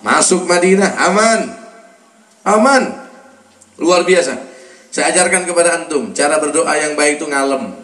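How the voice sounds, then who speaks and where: A male preacher giving a sermon, swinging between soft, hushed pleading and raised exhortation. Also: fairly high pitch, brisk. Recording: echoey hall, voice from a distance.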